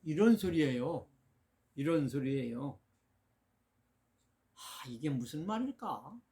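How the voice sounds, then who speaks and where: A man's voice: a little high, big pitch swings, takes it slowly, warm tone. A man, a Buddhist monk, giving a dharma talk and retelling Zen anecdotes as he acts out the dialogue. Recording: noisy recording with clicks.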